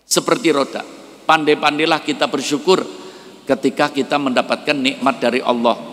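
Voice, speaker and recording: A male preacher giving a short sermon and telling a story, acting out its characters with sudden high, raised voices. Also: a little fast. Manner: animated, acts out quoted voices in a high pitch. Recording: long hall reverb.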